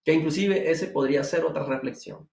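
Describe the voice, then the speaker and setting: A man preaching with a fairly high voice that climbs sharply on his emphatic rhetorical questions. He sounds like he is in an echoey room, not close on a dry mic. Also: brisk, creaky, darkish tone. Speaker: pastor. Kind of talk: devotional sermon.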